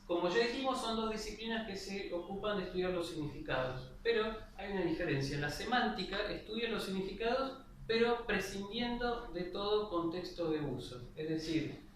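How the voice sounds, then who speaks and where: A man's voice: high voice, lively intonation, moderate pace. Man lecturing in a very echoey room. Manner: explanatory, with frequent "¿sí?" checks and restarts. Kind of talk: spoken grammar lesson. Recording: very echoey, distant mic, faint noise.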